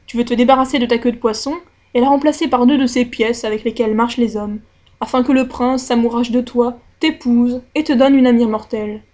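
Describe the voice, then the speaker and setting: A woman's voice: a little high, steady tone, a little fast, warm tone, natural voice. A woman voicing a scornful old female sea witch in a storybook reading, speaking in a blunt, mocking and threatening way. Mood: menacing.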